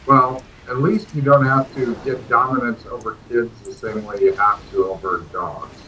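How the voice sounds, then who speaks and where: A man gaming with friends, teasing them with halting, stop-start remarks. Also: medium pitch, fairly even intonation, sharp tone, a little hiss or hum, poor audio. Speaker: gamer playing with friends. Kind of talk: casual gameplay banter.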